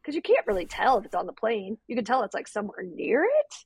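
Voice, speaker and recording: Podcast co-host, woman, gravelly voice, easy chatty manner, dry close sound. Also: fairly high pitch, wildly swooping pitch, darkish tone, no room sound. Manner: supportive, quick reactions. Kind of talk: casual chat.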